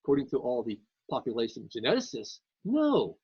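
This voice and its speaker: A man's voice: medium pitch, huge pitch swings, brisk, a little mellow, husky, no echo. A man giving a casual classroom lecture in a conversational way, often repeating words as he works out his next point, on a dull lo-fi recording.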